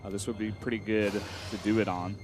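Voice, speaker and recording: A man's voice: on the low side, little pitch movement, a little fast, background noise. A man co-casting a strategy game match, breaking down the play and laughing along with his partner. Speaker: esports caster. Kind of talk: game commentary.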